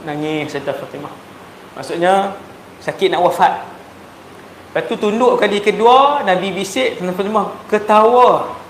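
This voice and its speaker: High-voiced Malaysian preacher in an echoey hall. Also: male voice, moderate pace. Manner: animated storytelling, swinging between loud emphasis and hushed tones. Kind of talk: sermon. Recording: echoey hall with faint noise.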